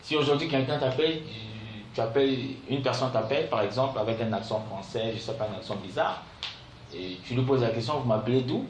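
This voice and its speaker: Guy training call center staff, keeps going "d'accord?", roomy echo, bit of background noise. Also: medium pitch. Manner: keeps checking in with "d'accord?" and "vous comprenez?"; repeats key phrases slowly for dictation. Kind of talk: classroom training talk. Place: training room. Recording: echoey room with faint background noise.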